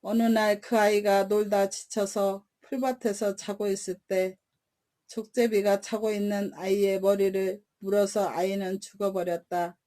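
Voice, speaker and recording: A woman telling bedtime stories in a calm, even reading. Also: mid-range voice, unhurried. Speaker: storyteller.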